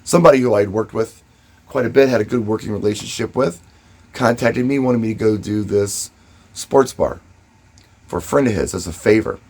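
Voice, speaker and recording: A DJ and vlogger with a husky, somewhat low and slightly mellow voice gives first-person advice and tells stories. He speaks casually but emphatically, dropping short pauses for effect.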